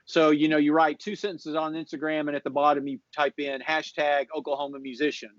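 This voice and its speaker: A man giving social media marketing advice in a relaxed chat, explaining patiently and often restarting his sentences. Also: fairly high pitch, a little fast, no room sound. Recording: dull lo-fi audio.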